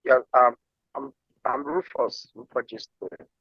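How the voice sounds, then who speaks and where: A man's voice: medium pitch, measured pace, slightly rough, muffled recording. A man from Liberia, a student asking a question and rephrasing it again and again. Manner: repeats and rephrases his question.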